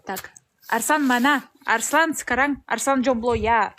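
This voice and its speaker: A Russian woman speaking Indonesian as a foreigner with a Russian accent, chatting casually on an outdoor live stream and pausing to search for words. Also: on the high side, a bit bright. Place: outdoors in the snow.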